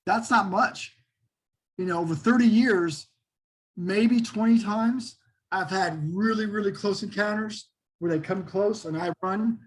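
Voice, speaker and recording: A man's voice: sits high, a little slow, husky, rough recording. A middle-aged man, talking casually as an interview guest in a folksy, enthusiastic, emphatic way. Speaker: interview guest, Bigfoot researcher.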